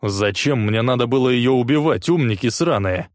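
A man doing a gruff, defiant tough guy. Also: mid-range voice, slow pace, no echo, clean studio sound, pitched above the performer's own voice. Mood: barking. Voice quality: gruff, barking. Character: angry defiant male suspect, tough and blunt.

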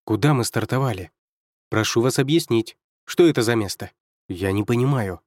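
A man's voice: mid-range voice, moderate pace, darkish tone, no echo, natural voice. Bewildered young man, voiced by a male narrator: plaintive, confused, dry recording. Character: bewildered, fretful young man out of his depth. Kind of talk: audiobook character voice.

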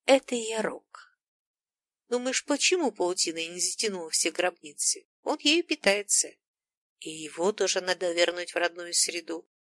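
Woman voicing a gentle ancient sun spirit. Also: lowish voice, normal speed, dry recording, studio quality, close to an everyday voice.

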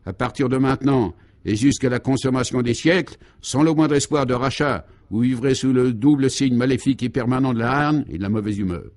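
A man's voice: mid-range voice, brisk, few pauses, a little mellow, no room sound, lightly acted. A man voicing a stern young fairy who solemnly declaims a curse in a radio play. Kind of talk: 1950s radio comedy acting.

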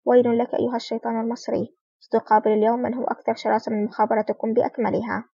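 A woman voicing a cunning female crime boss who speaks softly with a menacing edge. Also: fairly high pitch, flat delivery, racing, vocal fry, husky, no room sound. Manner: soft-spoken with a menacing edge. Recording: dull lo-fi recording.

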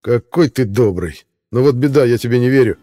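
A cool, sarcastic man taunting his captor with dry irony, as a male reader puts him on. The voice sits a little above the reader's own, dark and mellow. An audiobook character reading. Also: medium pitch, expressive, brisk, voice pushed up, close to an everyday voice. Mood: ironic. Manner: dry and ironic. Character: cool, sardonic male captive, calmly taunting.

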